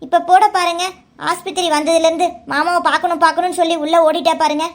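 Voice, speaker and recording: A woman voicing a gentle, worried middle-aged village aunt in a cartoon. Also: very high-pitched, little pitch movement, fast talker. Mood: puzzled. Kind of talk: cartoon voice acting.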